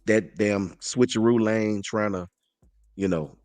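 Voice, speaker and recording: A man with a very low voice rambles in easygoing, slangy talk as a live-stream guest. He stumbles and repeats himself often. The sound is close and dry. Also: steady tone, slow pace, darkish tone, no room sound. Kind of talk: casual chat.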